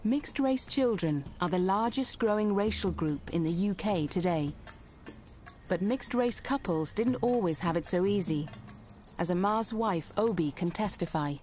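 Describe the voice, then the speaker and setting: A woman reading scripted documentary narration in a measured, even way. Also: medium pitch. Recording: music clearly under voice-over.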